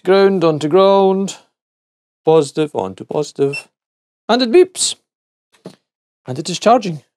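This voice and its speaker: A middle-aged gadget reviewer tests and takes apart a device in a casual, hands-on teardown, chatting and joking to himself as he works. His voice is on the high side and gravelly with a darkish tone. There's a slight hiss or hum in the recording.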